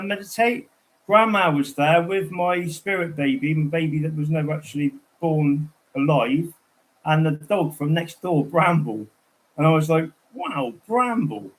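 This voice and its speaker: A man's voice: high voice, poor audio. A man chatting casually on a livestream, telling rambling, digressive stories.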